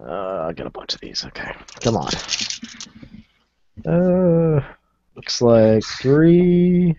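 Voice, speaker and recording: A man's voice: a little high, wildly swooping pitch, takes it slowly, warm tone, highs cut off. A man playing a tabletop game, talking hesitantly with many fillers and chuckles. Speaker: player.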